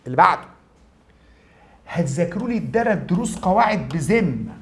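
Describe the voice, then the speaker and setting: A middle-aged man with an Egyptian Arabic accent teaches German in a classroom video lecture, brisk and chatty, asking his own questions and then answering them. His voice is high-pitched, expressive, and fairly bright in tone.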